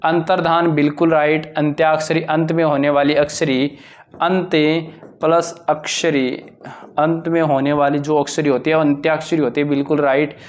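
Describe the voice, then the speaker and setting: A man's voice: fairly high pitch, little pitch movement, normal speed. A male teacher giving an exam-prep grammar lesson, with a lilt, drilling answers and asking and answering his own questions.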